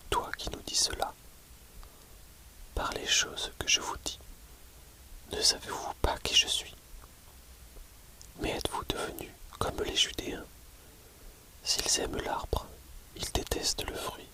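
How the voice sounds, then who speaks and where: ASMR audiobook reader: library whisper throughout, very slow, measured phrasing. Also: low-quality recording. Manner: measured, pausing between short phrases.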